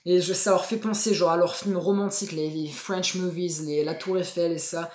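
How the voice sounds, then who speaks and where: A woman's voice: lowish voice, steady tone, a little fast, darkish tone. A woman hosting a language-learning video, explaining in a casual, chatty way with slang fillers. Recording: echoey room.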